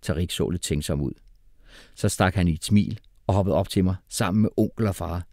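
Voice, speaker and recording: A man reading an audiobook with expressive, animated storytelling. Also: sits low, no echo, clean studio sound. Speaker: audiobook narrator.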